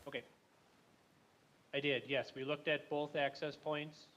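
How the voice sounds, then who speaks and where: A man's voice: on the high side, level tone, unhurried, a bit bright, highs cut off. Man on a clipped, breaking-up call line. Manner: matter-of-fact, technical explanation. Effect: clipped, breaking-up remote call line. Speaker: traffic consultant. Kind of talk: remote testimony at a public meeting. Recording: echoey remote call audio.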